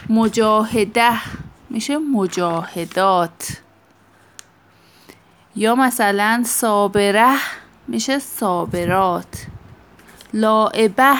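A woman teacher giving a classroom grammar lesson. She asks questions and answers them herself, drawing out the example words slowly. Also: mid-range voice, creaky. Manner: slow, drawn-out stress on example words.

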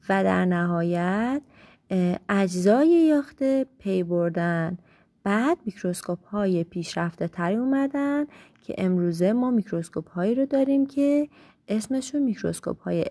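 A woman teacher giving a science lesson to children, explaining slowly and deliberately, with fillers and self-corrections along the way. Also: mid-range voice, warm tone, no echo.

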